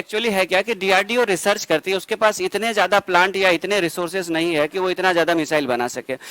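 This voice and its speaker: Male coaching teacher, high pitch, dry close sound; rapid-fire quiz revision with jokey asides. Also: a bit bright, dry recording, low-quality recording. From India. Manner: quizzes students with quick questions and answers himself; asides and jokes between facts. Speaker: exam-prep teacher. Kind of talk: rapid current-affairs revision lecture.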